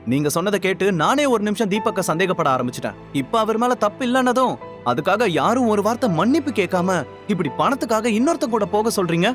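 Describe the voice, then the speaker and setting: Male narrator doing a young wife in an audio drama, hurt and defiant, pleading, slightly higher voice. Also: expressive, fairly quick, faint music behind, close to an everyday voice. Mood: indignant. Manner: pleading, indignant.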